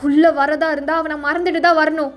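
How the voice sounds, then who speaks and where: A woman voicing a stern middle-aged mother who scolds her daughter harshly in a fan audio drama, with soft music behind. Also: high-pitched, flat delivery, close to an everyday voice. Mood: scolding. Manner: scolding, slow and cutting.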